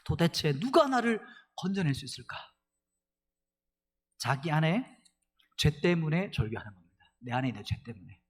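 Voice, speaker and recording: A middle-aged man delivers an animated sermon as pastor, calling the congregation to read scripture together. His voice sits a little high and has a husky edge. His pitch swings widely as he preaches. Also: moderate pace, long pauses.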